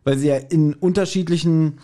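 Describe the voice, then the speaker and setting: A man hosts a podcast, casually chatting as he retells and reviews an audio drama. His voice is a little high and mellow, with a steady tone at a normal speed.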